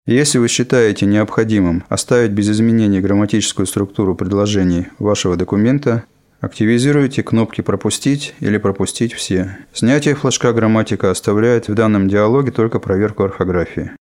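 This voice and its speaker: A man reading scripted instructional narration as an instructor, in a measured, formal manner. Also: lowish voice, steady tone, a little mellow. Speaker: instructor narrating a software lesson.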